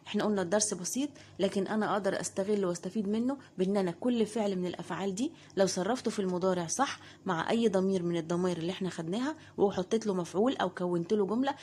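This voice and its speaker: A woman's voice: mid-range voice, a little mellow, a little hiss or hum. Egyptian woman, online language teacher, patient and methodical. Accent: Egyptian Arabic. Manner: patient, repeats each word and meaning slowly. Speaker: Spanish teacher.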